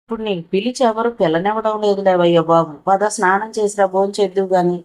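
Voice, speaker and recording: A woman's voice: medium pitch, steady tone, fast, darkish tone, close to an everyday voice. A woman voicing a middle-aged housewife who fondly scolds her younger brother. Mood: fondly scolding. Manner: fond and scolding. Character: warm middle-aged housewife, affectionate older sister.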